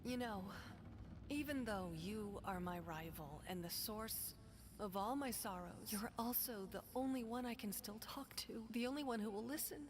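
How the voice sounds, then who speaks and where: An actress playing a sorrowful, bitter wife in a horror game. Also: female voice, mid-range voice, moderate pace, lightly acted. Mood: bitter, melancholy. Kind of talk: dramatic horror game voice acting. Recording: long reverb, faint noise.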